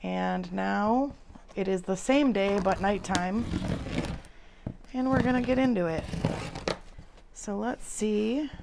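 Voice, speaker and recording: Slow-paced, slightly creaky woman, casual unboxing. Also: medium pitch, background noise. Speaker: video host.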